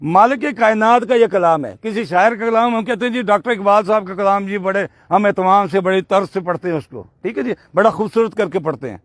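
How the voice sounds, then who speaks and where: A man teaching Quran recitation, patiently correcting a student and slowly modelling each word. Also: sits high, dry recording, studio quality. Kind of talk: tajweed lesson correcting a student.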